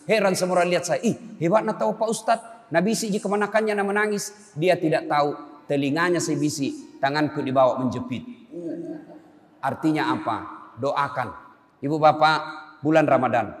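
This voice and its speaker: Animated preacher with a hall echo. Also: male voice, a little high. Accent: Makassar. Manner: animated storytelling, acting out dialogue. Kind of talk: sermon. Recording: long hall reverb.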